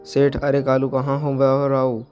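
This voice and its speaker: A man's voice: mid-range voice, monotone, unhurried, highs cut off, faint music behind, close to an everyday voice. A man playing a greedy moneylender. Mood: demanding. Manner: pushy, fussy about money. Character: greedy moneylender, middle-aged man, sniffly. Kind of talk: storybook character voice.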